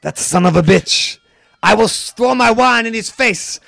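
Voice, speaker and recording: A man's voice: high voice, normal speed, creaky, no echo, full character voice. A man playing a drunken, boastful French retired footballer with a put-on French accent, rambling and pompous. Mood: angry. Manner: pompous, tipsy, rambling, bursts of shouting. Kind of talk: comedic podcast bit.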